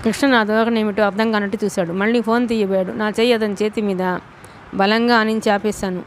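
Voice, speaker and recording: A woman narrating a novel in the first person as an audiobook, with a steady, emotive reading. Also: mid-range voice, a little fast, a little hiss or hum.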